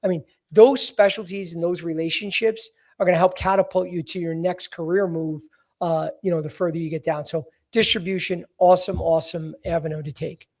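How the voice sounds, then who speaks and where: A man's voice: fairly high pitch, steady tone, brisk, a little mellow. A man in his forties hosting a casual advice podcast as a career coach, talking bluntly and emphatically with plenty of "you know" fillers. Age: 40s.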